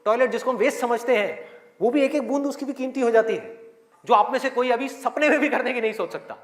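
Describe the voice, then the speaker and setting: A man giving an emphatic motivational talk to a live audience, firing rhetorical questions and dropping from loud to hushed. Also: very high-pitched, quick pace. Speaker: motivational speaker. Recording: echoey hall with audience.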